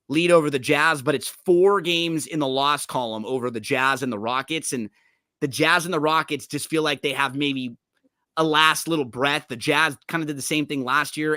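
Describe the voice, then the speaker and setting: A man hosting a podcast, chatting casually and quickly about basketball, often restarting his sentences. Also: on the high side, sharp tone, no room sound, clean studio sound. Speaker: podcast host. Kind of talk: casual sports chat.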